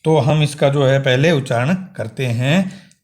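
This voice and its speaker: A man's voice: mid-range voice, darkish tone. A man teaching a language lesson, explaining words one by one and spelling them out syllable by syllable. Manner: slow and deliberate, spelling words out letter by letter.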